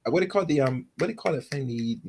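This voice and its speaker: A man's voice: medium pitch, animated, rapid-fire, a little mellow, husky. A man in casual chat, rambling with lots of fillers while making his argument.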